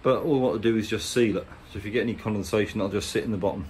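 Racing along in a fairly low, darkish voice, an English-accented man gives a chatty, colloquial hands-on tutorial. He's a boat restorer presenting a how-to, casual and plain-spoken in manner. Clear background noise comes through on this handheld workshop recording.

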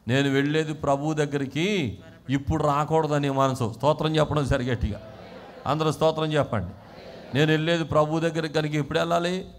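A male pastor from Andhra Pradesh preaching a sermon, swinging from quiet talk to shouting and calling the congregation to respond. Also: on the high side. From Andhra Pradesh, India.

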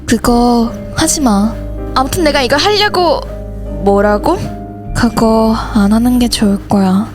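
A woman's voice: fairly high pitch, unhurried, music in the background. A woman voicing every teenage schoolgirl character in a school horror story, switching between them in dialogue. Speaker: channel host and voice actor.

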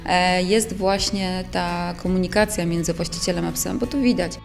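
A woman's voice: on the low side, steady tone, normal speed, vocal fry, faint music behind. A woman speaking informally in an interview as an animal shelter manager.

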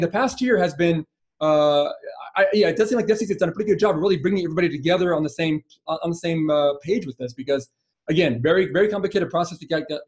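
A man in his forties hosts a conversational interview from a studio, rattling along at a quick clip. His voice sits slightly high, and he hedges and circles his points with plenty of fillers. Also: darkish tone. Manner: rambling, hedging, many fillers. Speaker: interview host. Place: studio with printed logo backdrop.

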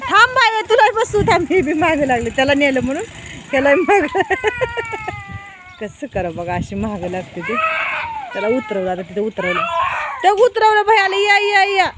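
At home, a mother and vlogger with a high-sitting, very animated voice coaxes her toddlers in a sing-song tone at normal speed. It's a casual home vlog aimed at small children, and heavy background noise runs throughout.

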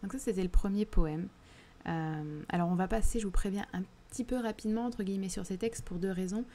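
A woman's voice: mid-range voice, a little fast, mellow. Thoughtful woman with a southern French accent. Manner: thoughtful, hesitant, many fillers and restarts. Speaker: literary livestream host. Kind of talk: live book discussion reading chat questions.

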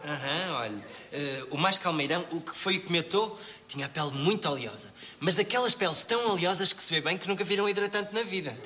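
An actor playing a vain, chatty young café worker with speech, telling stories in a gossipy, dramatic way. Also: male voice, on the high side, expressive, fairly quick, hardly any pauses, sharp tone. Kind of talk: sitcom acting.

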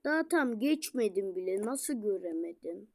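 A young woman playing a game with a friend, needling and teasing her and counting the seconds out loud. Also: mid-range voice, lively intonation, moderate pace. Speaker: gamer. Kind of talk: casual gaming banter.

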